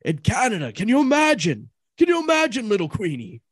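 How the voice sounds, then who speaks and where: A man's voice: sits high, huge pitch swings, a little fast, breathy edge, no echo, studio quality, full character voice. A man voicing an overly enthusiastic 1950s suburban father in an improv comedy scene. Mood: eager. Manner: overly enthusiastic, sing-song. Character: eager cheerful 1950s suburban dad.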